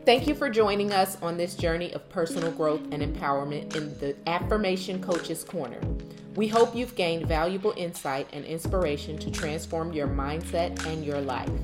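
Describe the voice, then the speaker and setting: A woman hosting a podcast as an affirmation coach, reading scripted motivational narration in an earnest, encouraging, measured way. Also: deep voice, over music.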